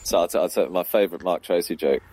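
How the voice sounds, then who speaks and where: Talking fast in a low, warm voice, this man is a comedy club promoter and compere guesting on a radio show. The low-quality studio recording catches his rambling, laugh-filled chat, which is dotted with ums.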